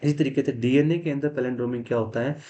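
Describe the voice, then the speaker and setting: A male teacher gives a classroom biology lecture at a medium pitch. He talks the class through each step, puts questions to them and answers them himself. He slips English technical terms into his sentences. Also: fairly even intonation, fast, warm tone. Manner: mixes English science terms into Hindi.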